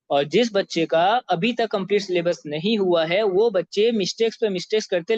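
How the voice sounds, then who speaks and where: A man who teaches biology, giving students a motivational talk on exam preparation, switching between Hindi and slow, deliberate English phrases. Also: high-pitched, lo-fi sound. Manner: addresses students directly with advice.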